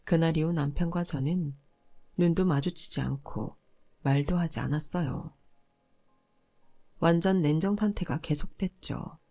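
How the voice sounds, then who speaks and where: A woman narrating her own story in the first person, calm, firm and measured. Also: deep voice.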